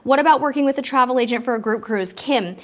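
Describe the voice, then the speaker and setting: Talking fast in a voice that sits high, a woman hosts a live stream about cruise tips and takes viewer questions. Her manner is chatty and upbeat with frequent ums, and she's a touch stuffy from allergies.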